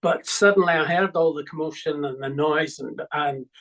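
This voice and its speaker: An older man from Scotland with a Scottish accent, a musician recalling his childhood in an interview with many pauses and restarts. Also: on the high side, fairly bright tone, low-quality recording. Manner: hesitant, full of ums and restarts. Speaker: musician guest. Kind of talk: reminiscing interview.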